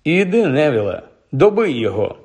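A man voicing a calm, encouraging middle-aged male wizard teacher in an audiobook reading. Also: on the high side, moderate pace, slightly rough, full character voice. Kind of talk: audiobook character voice.

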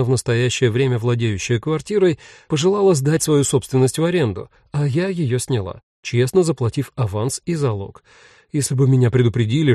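Guy reading a polite brave lady writer, formal and courteous, mellow voice, dry close sound. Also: mid-range voice, no echo, natural voice. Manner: courteous and formal, speaking loudly and clearly. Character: polite, fearless young woman writer, cheerfully ceremonious.

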